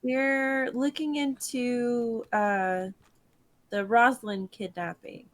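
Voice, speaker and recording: A woman's voice: fairly high pitch, steady tone, drawn-out words, no room sound. A woman playing a tabletop game, speaking hesitantly and tentatively. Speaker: player. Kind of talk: casual tabletop play.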